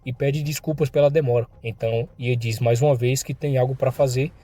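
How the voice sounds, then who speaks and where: A man with a Brazilian accent tells a comic story in a recap style. His voice is dark and mellow at an ordinary pitch. When the thugs speak, he pushes his voice higher and louder to act out their lines. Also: steady tone, fairly quick. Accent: Brazilian Portuguese. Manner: voices thug dialogue with rising pitch and force. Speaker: manhwa recap narrator.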